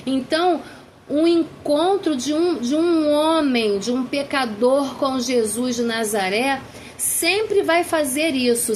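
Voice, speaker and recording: A fairly high-voiced woman teaches a theology class. She talks earnestly and draws out the words she wants to stress. A faint background hum sits under her voice. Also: poor audio. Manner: earnest, slows down to dwell on key words. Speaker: Bible teacher. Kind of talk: theology lecture.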